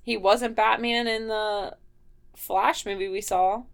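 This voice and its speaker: A woman's voice: medium pitch, slow, gravelly. A young woman with a Midwestern accent, co-hosting a podcast in casual chat, rambling with lots of "like" fillers. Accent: Midwestern American. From US Midwest, Ohio. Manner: rambling, heavy "like" fillers, animated. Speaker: podcast co-host.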